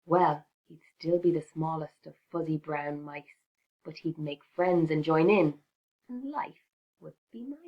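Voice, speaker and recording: A woman reading a rhyming picture book aloud to children in an expressive, sing-song teacher's way. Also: low-pitched, a little slow, dull audio.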